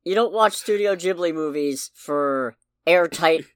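A woman with a lowish, unhurried voice co-hosts a podcast, casually chatting about a film with wry, profane humor. She's a lively storyteller, and the recording is dry with clean studio sound.

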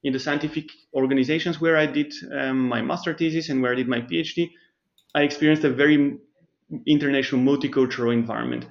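A man from Bulgaria, a startup chief, lays out his answers in a careful, explanatory way, pausing and restarting as he thinks. His voice sits at a middling pitch. The recording is slightly dull and lo-fi. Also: steady tone, vocal fry. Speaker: startup CEO, guest. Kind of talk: conversational interview answers.

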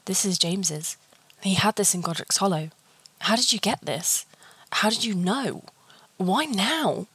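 A woman reading the lines of a weary imprisoned man, hoarse with emotion, quiet and halting, in a storybook reading. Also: mid-range voice, lively intonation, no room sound, exaggerated voice. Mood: shaken. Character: weary imprisoned grown man, grieving and bitter.

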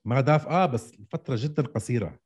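A man's voice: mid-range voice, fast, a little mellow, slightly rough, lo-fi sound. A man with a Palestinian or Jordanian Levantine Arabic accent, arguing casually about sports and insistently repeating his points. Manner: argumentative, repeats himself insistently.

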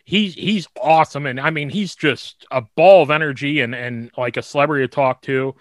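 A man's voice: fairly high pitch, moderate pace, no echo. Dry-sounding man, rambling podcast co-host. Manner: rambling, many fillers and restarts. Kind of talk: casual chat.

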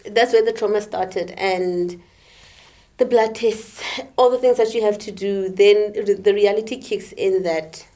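A young woman from South Africa co-hosts a candid conversation, her voice sitting at a middling pitch. She talks in a calm, measured way, building her thoughts in short halting phrases. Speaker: podcast co-host.

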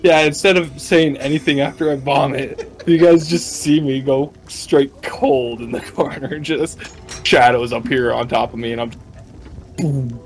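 A man playing a tabletop game, describing his character's actions in animated, laughing bursts. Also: medium pitch, moderate pace, soft background music. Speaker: player. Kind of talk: casual tabletop play.

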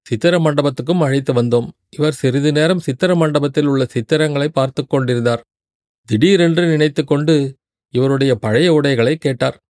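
A man's voice: a little high, moderate pace, a little mellow, no echo, clean studio sound, lightly acted. A man doing a servile palace guard. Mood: defensive. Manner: deferential, excuse-making. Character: servile male palace guard, defensive and pleading.

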